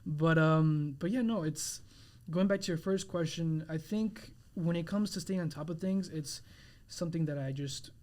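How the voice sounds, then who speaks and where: A young man with a somewhat higher voice speaks as a guest on a podcast. He talks earnestly, restarting phrases and reaching for words as he explains himself. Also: darkish tone. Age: 20s. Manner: earnest, halting, many restarts and fillers. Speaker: realtor guest. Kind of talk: casual interview chat.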